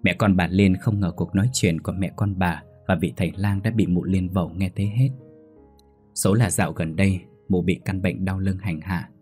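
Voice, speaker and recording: A man narrating a scripted ghost story in a steady, somber way. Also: deep voice, moderate pace. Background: faint music.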